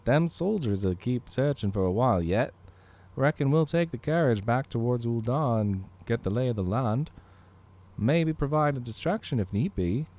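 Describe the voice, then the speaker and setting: A man's voice: mid-range voice, animated, normal speed, a little mellow, pitched above the performer's own voice, close to an everyday voice. Man doing a folksy Irish-tinged merchant. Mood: gruff. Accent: attempted Irish. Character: rough-spoken male merchant with a homespun drawl.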